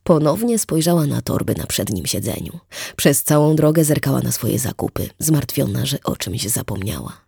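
An audiobook narrator giving an expressive reading of a novel. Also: moderate pace, creaky, husky, no room sound, studio quality. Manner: expressive reading with lively shifts of pitch. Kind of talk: scripted narration.

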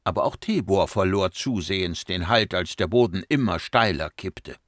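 A man narrating an audiobook in a measured storytelling voice that slows for dramatic moments. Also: low-pitched, lively intonation, no echo, studio quality. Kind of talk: scripted narration.

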